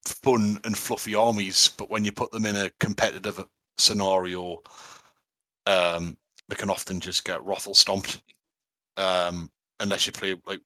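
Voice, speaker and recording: Bright, low-pitched, chatty man. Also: no room sound, rough recording. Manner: enthusiastic, filler-heavy, laughs easily. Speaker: tabletop wargame player. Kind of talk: casual chat.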